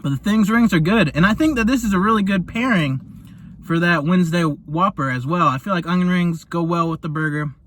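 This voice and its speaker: A young man reviewing fast food in a casual taste-test vlog, talking while he eats and gushing in slang. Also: high-pitched, a bit bright, a little hiss or hum. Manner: talks while eating.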